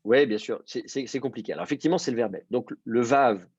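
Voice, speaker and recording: A man teaching a Hebrew reading class, explaining step by step and often pausing with fillers. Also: medium pitch, a little mellow. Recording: dull lo-fi dry sound.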